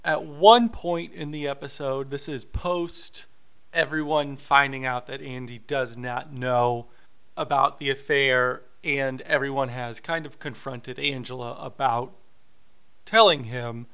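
A man co-hosting a podcast, talking through a TV episode in a measured, explanatory way. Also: mid-range voice, fairly even intonation, bright, forceful tone, smooth. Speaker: podcast co-host. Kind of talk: casual recap chat.

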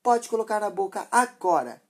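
A woman's voice: mid-range voice, sing-song, moderate pace, husky, voice pushed up. A woman voicing a harsh, impatient mother who scolds sharply and dismissively. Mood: scornful.

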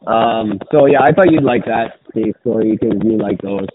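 On a muffled, phone-like line with background noise, a man co-hosting a podcast talks in a lowish voice at normal speed. His voice sounds as if it's coming through a sweater, and he rambles through casual chat, swearing offhandedly and restarting often.

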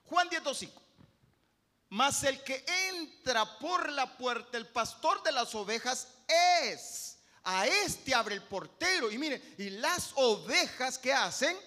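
Man, pastor, high bright voice, sermon, long hall reverb. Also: slow pace. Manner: animated preaching, acting out quoted voices.

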